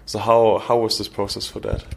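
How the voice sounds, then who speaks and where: A man's voice: on the low side, flat delivery, normal speed, vocal fry, breathy edge. A man hosting an interview and asking short, friendly questions. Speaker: interview host.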